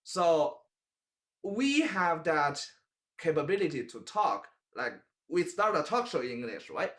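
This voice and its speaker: A young man from China with a Chinese accent, hosting a casual talk show in English and often searching for words. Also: on the high side. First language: Mandarin. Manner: halting, searches for English words, animated hand gestures. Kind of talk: casual chat. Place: small indoor room, seated at a table.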